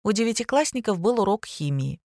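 A woman narrating an audiobook in a lively, wry storytelling manner. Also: mid-range voice, brisk, no echo, studio quality. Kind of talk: audiobook reading.

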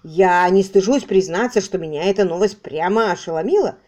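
Woman voicing fussy gushing man, effusive, loud-ish, audiobook. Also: medium pitch, expressive, a little fast, dull audio, lightly acted.

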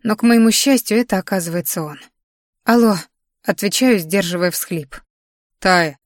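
A woman's voice: medium pitch, a little fast, no room sound, studio quality. A woman reading a first-person romance novel aloud, intimate and emotional in tone. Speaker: audiobook narrator.

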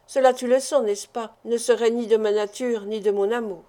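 A woman's voice: fairly high pitch, fairly even intonation, normal speed, mellow, close to an everyday voice. A woman reading a timid, loving fiancée. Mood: pleading. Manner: hesitant, embarrassed pleading. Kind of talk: audiobook dialogue reading.

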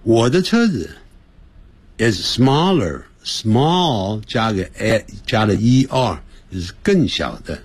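A man's voice: lowish voice, breathy edge, no echo. A man teaching English on the radio, explaining grammar and pronunciation and reading sentences aloud for listeners to repeat. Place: radio studio.

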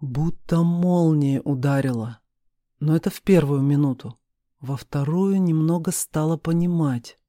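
An audiobook narrator giving an expressive, steady first-person reading of a romance novel. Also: medium pitch, a little slow, no room sound.

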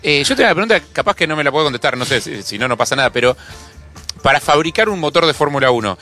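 A man's voice: a little high, expressive, racing, bright, forceful tone, soft background music. A man, a co-host who keeps asking curious questions in casual radio chat.

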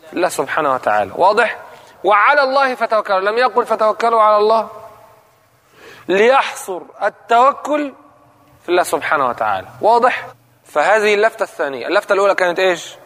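A man's voice: sits high, sing-song, fast talker, pushed and bright. Man preaching in a reverberant hall. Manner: questions the listeners and repeats key points. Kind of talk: religious lesson.

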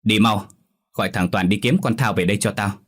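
A man's voice: lowish voice, expressive, moderate pace, breathy edge. A man doing a harsh, commanding old patriarch. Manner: curt, commanding, shouting orders. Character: harsh stern old patriarch, quick-tempered.

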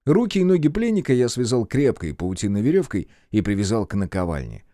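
Guy reading a story out loud, lively swinging voice, dry close sound. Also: mid-range voice, fairly quick, dry recording. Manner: animated storytelling. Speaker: audiobook narrator. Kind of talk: expressive first-person story narration.

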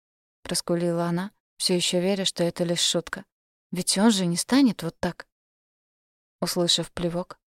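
Woman audiobook narrator, steady read, fairly low voice, dry close sound. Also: dry recording. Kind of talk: scripted narration.

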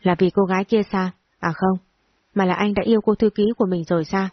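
A woman's voice: medium pitch, fairly even intonation, fairly quick, dry recording, dull audio, lightly acted. A woman reading the lines of a clingy, jealous young ex-girlfriend in an audio story, pleading and sulky.

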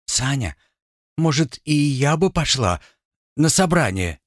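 Give me a man playing a timid young peasant woman, higher voice, dry studio. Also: very animated, takes it slowly, dry recording, exaggerated voice. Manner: pleading. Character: timid young peasant wife, pleading then defiant.

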